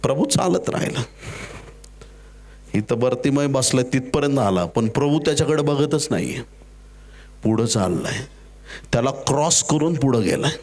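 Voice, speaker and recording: A man preaching a sermon, acting out the characters in his stories with jokey asides and building to loud exhortation. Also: medium pitch, expressive, normal speed, long pauses. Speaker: pastor.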